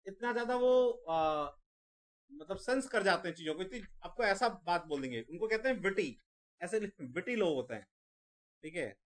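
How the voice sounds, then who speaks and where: A man's voice: sits high, expressive, fairly bright tone. A man teaching vocabulary for an exam, repeating each word several times and spelling it out letter by letter. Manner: repeats words slowly, spells them letter by letter. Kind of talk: exam-prep vocabulary lesson.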